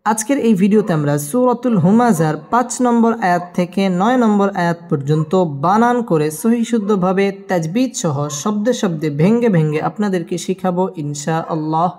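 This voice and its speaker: Guy teaching quran letter by letter, slow chanted bits, big echoey reverb. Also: sits high, darkish tone. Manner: slow, drawn-out chanting of verses between spelled syllables. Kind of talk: spelling out Quran words syllable by syllable.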